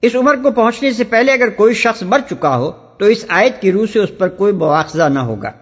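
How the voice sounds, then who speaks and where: A man reading scripture commentary in a measured, formal way. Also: sits high. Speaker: commentary reader. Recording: dull, long reverb.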